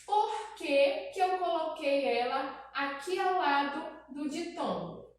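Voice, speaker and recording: Slow, high-voiced woman teacher. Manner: slow, repeats key points, checks with "tá?". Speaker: primary school teacher. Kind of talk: recorded grammar lesson. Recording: very echoey room, voice from a distance, faint noise.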